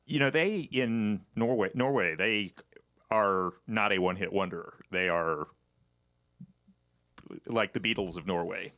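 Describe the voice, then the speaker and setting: A man's voice: low-pitched, a little slow, long pauses, bright, forceful tone. A middle-aged man hosting a radio session, chatting casually with a band in a rambling, wry, joking way. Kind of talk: casual interview chat.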